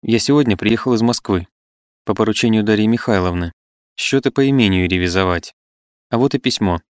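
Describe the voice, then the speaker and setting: A man's voice: fairly low pitch, a little fast, clean tone, dry recording, clean studio sound, lightly acted. A man reading the part of a modest young male tutor, courteous and deferential. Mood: polite.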